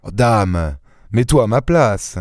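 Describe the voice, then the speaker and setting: A man reading an audiobook and voicing a suave gentleman thief with an airy, teasing, self-assured manner. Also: lowish voice, expressive, takes it slowly, no room sound, studio quality. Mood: teasing, triumphant.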